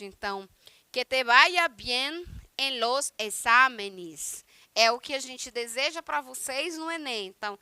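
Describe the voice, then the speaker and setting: A woman with a Brazilian Portuguese accent, teaching a recorded online Spanish class, slowly repeating each example and translating it. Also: high-pitched, sharp tone, clean tone, no echo.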